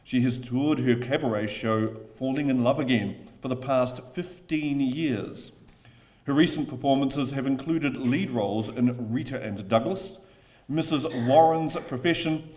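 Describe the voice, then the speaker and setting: A man's voice: mid-range voice, measured pace, darkish tone. A man reading scripted honours citations formally at a ceremony.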